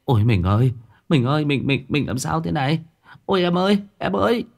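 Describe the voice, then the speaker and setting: A man's voice: fairly high pitch, sing-song, a little fast, vocal fry, pitched above the performer's own voice, heavily acted. A man voicing a frantic young groom who calls out desperately for his bride. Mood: anguished. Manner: calling out loudly and desperately.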